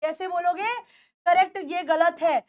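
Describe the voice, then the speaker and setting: High-voiced Indian woman teaching English. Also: level tone. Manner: drills words by repeating them slowly, asks the class questions. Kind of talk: spoken English pronunciation lesson.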